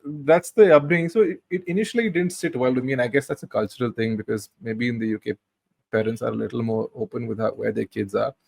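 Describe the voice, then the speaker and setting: A man's voice: mid-range voice, quick pace, creaky, slightly rough, dry recording. Man in his thirties, chatty podcast co-host. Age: 30s. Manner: storytelling, many restarts. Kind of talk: casual film discussion.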